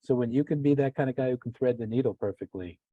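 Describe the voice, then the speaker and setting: A man's voice: mid-range voice, quick pace, dry recording, narrow, tinny audio. A man hosting a casual podcast interview, setting up questions in a rambling, self-correcting way. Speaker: podcast host.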